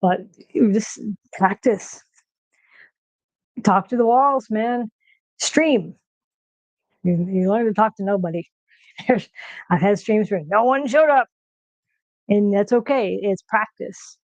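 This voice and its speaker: A middle-aged American woman chatting casually on a home cooking stream. She talks quickly when excited and pauses to search for words. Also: medium pitch, no room sound, rough recording. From United States. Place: home kitchen.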